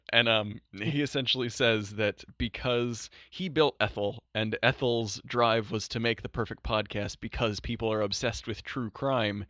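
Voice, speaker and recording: A man's voice: fairly low pitch, fairly bright tone, no echo, studio quality. A man hosting a podcast in casual chat, laughing often and acting out quotes. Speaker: podcast host.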